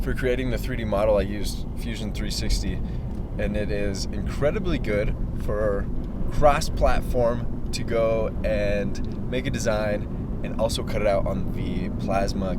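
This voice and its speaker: The recording is very noisy as a young man with a fairly low-pitched voice talks casually on his vlog about his startup. Jokey and upbeat, he rambles on while telling stories.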